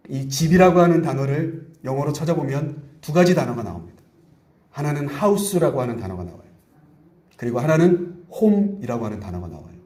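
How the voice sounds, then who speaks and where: A man preaching a Sunday sermon as pastor, telling stories with animated, acted-out voices. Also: fairly high pitch. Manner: animated storytelling, acts out quoted voices. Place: church sanctuary. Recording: echoey church hall.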